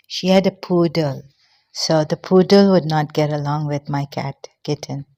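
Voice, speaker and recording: An older woman from Pakistan talks slowly and haltingly, with many fillers and pauses along the way. Her voice sits low, and she sounds a little out of breath. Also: dark tone. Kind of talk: personal testimony monologue.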